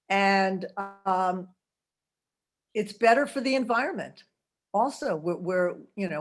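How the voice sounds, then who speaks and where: A woman in her seventies with a fairly low-pitched voice gives a holistic health talk over a video call. She's chatty and laughs a lot, slipping in asides such as "okay?".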